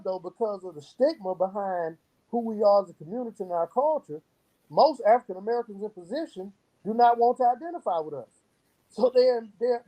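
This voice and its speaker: A high-voiced man with a warm tone, recorded with poor audio quality, appears as an interview guest. He founded a youth program and answers earnestly and emphatically, using stories to illustrate his points.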